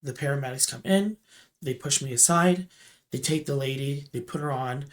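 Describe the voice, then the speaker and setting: A mid-pitched storyteller recounting a shift as a store manager. The delivery rambles with restarts and keeps lurching from loud, emphatic bursts down to low murmurs. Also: normal speed. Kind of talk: storytime vlog.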